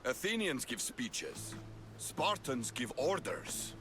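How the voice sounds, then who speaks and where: In a video game cutscene, a man voices a proud Spartan commander, speaking bluntly and commandingly with fierce swings. His mid-range voice is very animated, slow, and sharp in a full character performance, with a faint orchestral score behind him.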